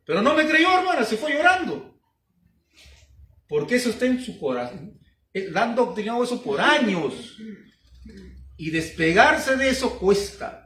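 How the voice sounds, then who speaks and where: Man pastor, very high voice, emphatic sermon, roomy echo, off the mic. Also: big pitch swings, measured pace, long pauses, a bit bright, recorded from a distance. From Peru. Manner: emphatic, repetitive, rhetorical questions. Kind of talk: sermon teaching.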